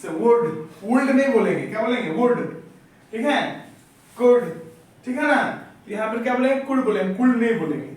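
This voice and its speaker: A male teacher with a very high, lively voice lectures briskly, drilling vocabulary by asking questions and having the class repeat answers. The echoey classroom recording sounds distant from the mic, with soft background music underneath.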